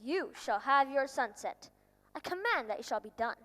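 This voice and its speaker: Bossy old king on a stage, high bright voice, echoing hall. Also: expressive, moderate pace. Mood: regal. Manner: pompous, commanding. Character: pompous old male king on a throne. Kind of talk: stage play performance. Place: school auditorium stage. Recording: long hall reverb on stage.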